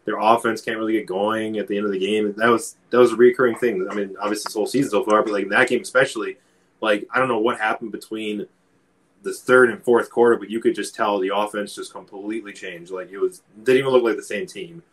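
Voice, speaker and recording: A man's voice: lowish voice, steady tone, fast talker, fairly bright tone, slightly rough. A man co-hosting a casual sports podcast, rambling through his thoughts with many fillers. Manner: rambling, lots of fillers and restarts. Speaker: podcast co-host.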